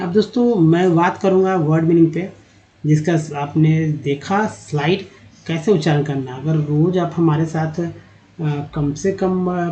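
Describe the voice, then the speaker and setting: A man, teaching in a slow lesson and reading word lists aloud syllable by syllable. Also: a little high, dark tone, low-quality recording. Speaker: English teacher.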